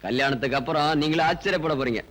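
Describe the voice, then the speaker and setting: An actor playing a cheerful, boisterous young fisherman and laborer, loud and bantering, in Tamil film dialogue. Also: a little high, quick pace, low-quality recording. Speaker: film character. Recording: film soundtrack with loud music.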